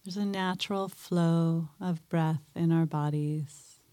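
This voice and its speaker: Slow, soft-spoken woman guiding meditation. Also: low voice, fairly even intonation. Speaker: meditation teacher. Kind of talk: guided mindfulness meditation.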